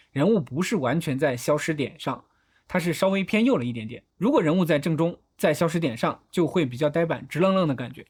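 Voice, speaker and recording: A husky-voiced man narrates a film breakdown at a brisk clip, his voice sitting a little high. He works through each shot step by step, methodically explaining what the director is doing. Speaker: film analysis host.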